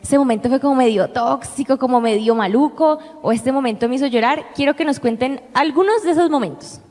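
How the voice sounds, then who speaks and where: A woman's voice: sits high, fairly quick, a little mellow. A woman hosting a faith talk show, conversationally prompting her guests. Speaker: interview host. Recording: long hall-like reverb.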